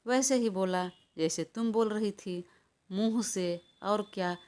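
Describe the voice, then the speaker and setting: A woman's voice: mid-range voice, measured pace, darkish tone, lightly acted. A woman reading an audio story, voicing a weary, irritated young man who talks in an exasperated way. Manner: exasperated, pleading for rest. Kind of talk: audiobook character voice.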